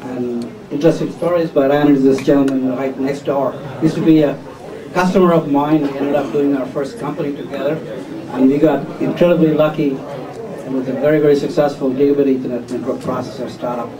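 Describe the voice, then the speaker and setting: A man's voice: medium pitch, fast talker, a crowd in the background. Man from India on a far hall mic. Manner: relaxed, many fillers and self-deprecating asides. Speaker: panelist entrepreneur. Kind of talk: panel self-introduction. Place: conference hall before an audience.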